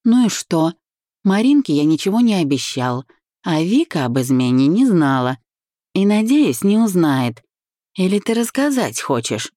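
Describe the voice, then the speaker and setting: A woman's voice: on the low side, very animated, a little slow, dark tone, dry recording, studio quality, voice pushed up. A woman voicing a brash, defensive young man who blusters and snaps back in an audiobook.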